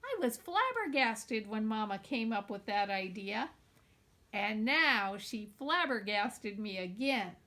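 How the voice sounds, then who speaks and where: A woman with a mid-range voice reads a children's novel aloud, deliberate and expressive in her storytelling, much like a teacher sharing a class book.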